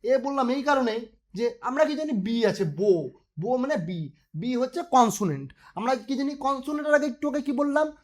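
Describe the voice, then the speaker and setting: A woman's voice: high-pitched, moderate pace. A woman teacher, giving an exam-prep grammar lesson in which she asks and answers her own questions and repeats key words. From West Bengal.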